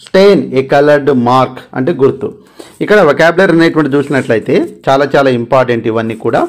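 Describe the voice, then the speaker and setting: A man with a Telugu accent gives an exam-prep English grammar lesson. He mixes Telugu explanation with slow, deliberate English and repeats key words for stress. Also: medium pitch. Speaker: English teacher.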